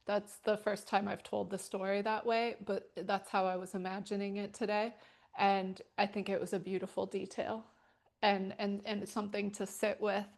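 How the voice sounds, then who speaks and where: A woman's voice: medium pitch, little pitch movement, moderate pace, creaky. A middle-aged woman teaching a yoga class and telling stories, talking casually and rambling with many fillers. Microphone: wearing a microphone.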